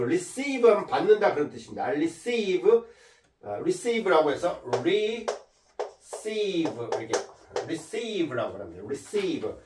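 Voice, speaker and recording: A middle-aged man teaching an English lesson, patiently repeating words and saying his example sentences slowly and carefully. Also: sits high. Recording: roomy echo, mic at a distance.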